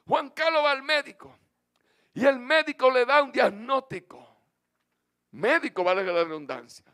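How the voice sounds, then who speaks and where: A man with a Dominican accent, a pastor preaching a sermon to his congregation. He calls on them to repeat phrases back to him and breaks into sung, shouted lines. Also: very high voice, expressive, normal speed. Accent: Dominican Spanish. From Dominican Republic. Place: church.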